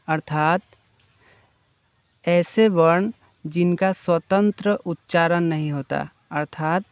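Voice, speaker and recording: Male teacher, slightly high and clear-voiced, patient repeating explainer. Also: no echo. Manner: defines each term, then restates it. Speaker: Hindi grammar teacher. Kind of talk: slow, explanatory grammar lesson.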